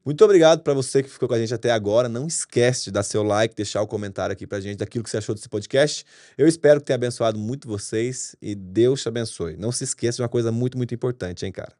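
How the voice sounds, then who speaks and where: A man's voice: mid-range voice, quick pace, few pauses, mellow, dry recording. A man in his thirties hosting a podcast interview, answering with short affirmations, at a desk microphone in a studio. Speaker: podcast host. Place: studio with green curtains. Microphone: desk mic on arm.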